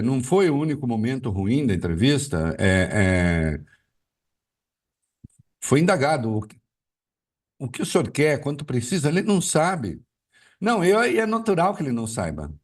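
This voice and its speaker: Here a male political pundit speaks live, pressing his argument through rhetorical questions and lots of filler words. Big pitch swings mark his normal-speed delivery, which includes long pauses, and he's slightly far from the microphone.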